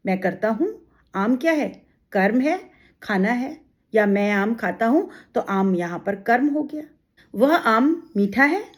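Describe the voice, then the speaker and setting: A woman teaching an exam-prep grammar lesson. She explains step by step, asking rhetorical questions and giving examples. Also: on the high side.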